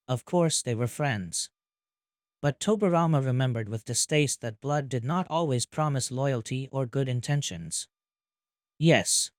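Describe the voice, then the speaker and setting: A man narrates a story in an even, calm manner at a medium pitch. The recording is dry and close, with no room sound. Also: no room sound. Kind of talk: scripted narration of fan fiction.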